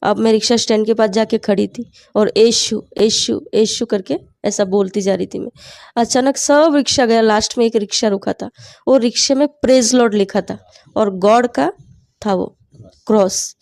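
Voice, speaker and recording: Earnest woman with a creaky voice. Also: on the high side, moderate pace, a little mellow, dry recording, clean studio sound. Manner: earnest storytelling, often quoting her own prayers. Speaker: testimony speaker.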